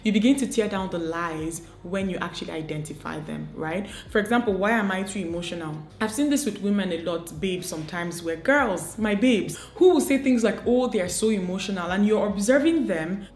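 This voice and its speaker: A woman's voice: mid-range voice, brisk, few pauses, a little mellow. A woman giving motivational advice to camera, earnest and coaching, asking many rhetorical questions. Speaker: beauty and lifestyle vlogger. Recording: echoey room.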